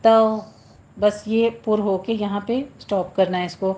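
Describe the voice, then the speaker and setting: Woman recitation teacher, mellow voice, muffled recording, slow drawn-out chanting between brisk explanations. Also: medium pitch, steady tone. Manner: chants verses very slowly with long drawn vowels, then explains rules briskly. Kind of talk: slow tajweed lesson, recitation alternating with explanation.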